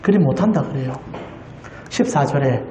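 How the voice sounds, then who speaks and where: A woman's voice: a bass voice, lively intonation, moderate pace, mellow, muffled recording, slight background noise. A woman pastor preaching a Sunday sermon with passion, putting rhetorical questions to the congregation. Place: church sanctuary. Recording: roomy church hall echo.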